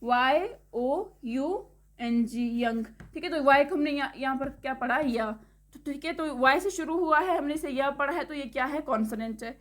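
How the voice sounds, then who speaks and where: A woman teaching English pronunciation, who explains step by step, checks in with the class often and spells words out slowly letter by letter. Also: high voice. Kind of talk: classroom-style lesson.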